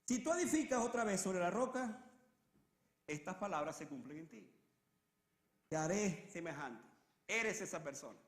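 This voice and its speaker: A man preaching a sermon in a dramatic way, swinging from loud climaxes to hushed, low repetitions. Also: sing-song, normal speed, pauses often, reverberant.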